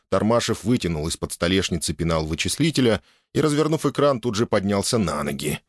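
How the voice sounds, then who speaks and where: Male audiobook narrator, low voice, lively wry delivery, dry booth sound. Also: no room sound. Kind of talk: first-person audiobook narration.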